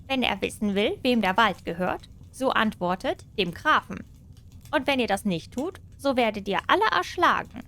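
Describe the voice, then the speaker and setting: A woman voicing a sly, clever male cat in boots in a storybook reading, by turns bold and flattering. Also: a little high, normal speed. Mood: commanding.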